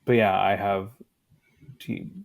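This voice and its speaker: A man in his thirties, a guest in a casual conversation, talking in a reflective, unhurried way with fillers. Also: sits low, little pitch movement, creaky.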